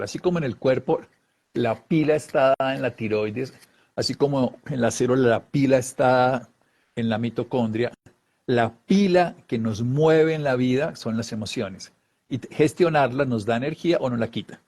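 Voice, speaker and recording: This wellness speaker, a man with a mid-range, slightly mellow voice, explains emotions in a talk. He acts out small voiced examples and laughs now and then.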